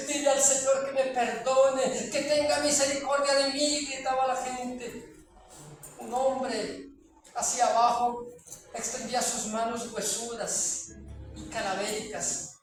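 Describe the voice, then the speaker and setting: A woman preacher giving a dramatic testimony sermon. She often checks in with the audience and repeats phrases for emphasis. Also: a little high. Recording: very echoey from far off.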